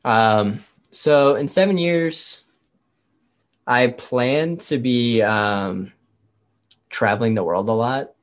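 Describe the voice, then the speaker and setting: Taking it slowly and pausing often, a medium-pitched man chats as a livestream guest. A performer and tarot reader, he talks casually and rambles, using "like" frequently.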